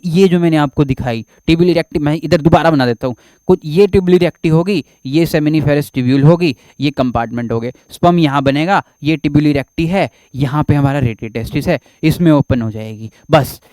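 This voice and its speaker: High-voiced man teaching biology at a board. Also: darkish tone, no room sound. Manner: repeats questions and answers them himself, reassuring. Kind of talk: classroom lecture at a board.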